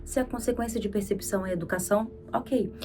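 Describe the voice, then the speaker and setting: A woman speech therapist with a Brazilian Portuguese accent, teaching a vocal exercise lesson, drawing out demonstration words slowly and instructing in an encouraging way. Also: mid-range voice, far from the mic. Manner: slow prolonged demonstration words.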